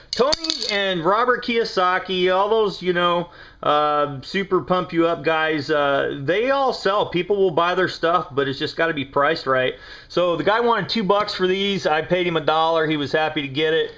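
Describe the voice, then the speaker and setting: An American reseller with a fairly high, slightly bright voice shows off his yard sale haul to the camera. He chats casually in a laid-back, slangy, folksy way, and the lo-fi camera audio sounds dull.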